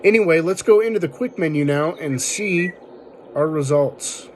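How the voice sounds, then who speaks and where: A man's voice: a little high, normal speed, a little hiss or hum. A man hosting a casual tech tutorial, explaining things informally step by step. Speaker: video tutorial host.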